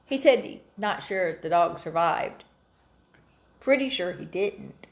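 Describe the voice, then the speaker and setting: A woman co-hosting a casual chat with her partner, talking about pageants she enters, animated and quick to exclaim and laugh. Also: lowish voice, creaky. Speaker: co-host, pageant contestant.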